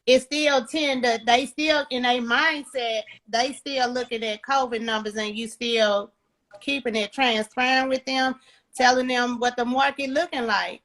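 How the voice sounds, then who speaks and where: A woman's voice: on the high side, steady tone, a little slow, fairly bright tone. A woman hosting a podcast interview, talking earnestly and circling back on her points.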